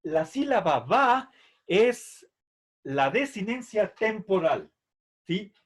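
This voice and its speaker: A man's voice: high-pitched, sing-song. A middle-aged man teaching a Latin grammar lesson, patiently explaining and repeating verb forms, checking in with "¿sí?" after each point. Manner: drills verb forms slowly, syllable by syllable. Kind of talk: slow classroom explanation.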